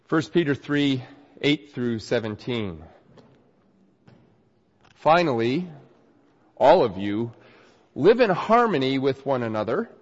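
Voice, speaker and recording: A pastor recovering from a cold gives an emphatic, earnest sermon with scripture reading, speaking slowly in a slightly raspy, nasal voice. His delivery is sing-song, with pitch swinging animatedly as he drives points home. Long reverb fills the hall, and the recording sounds dull and muffled.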